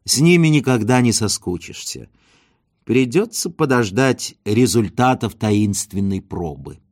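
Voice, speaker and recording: A man voicing a smooth, self-assured male con man, speaking in a breezy, good-humoured way. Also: mid-range voice, lively intonation, unhurried. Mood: amused.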